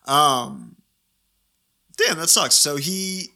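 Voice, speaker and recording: A man with a bright, slightly high voice co-hosts a casual podcast. He teases his partner and breaks into laughter easily. His tone stays light and chatty. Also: expressive. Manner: teasing, quick to laugh. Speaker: podcast co-host.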